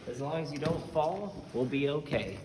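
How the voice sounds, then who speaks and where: A man's voice: a little high, animated, normal speed. A man working as an echoing cave guide, explaining formations step by step to visitors in an informal, accommodating way. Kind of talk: guided tour commentary with informal asides. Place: inside a cave. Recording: very echoey cave, long reverb, clear background noise.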